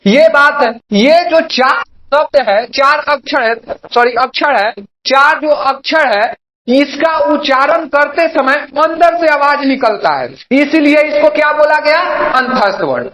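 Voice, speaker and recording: A man's voice: very high voice, fairly bright tone, roomy sound, rough recording. A young male teacher, giving an online grammar lesson and repeatedly asking and answering his own questions. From Bihar, India. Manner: repetitive call-and-response questioning, addresses students as "babu".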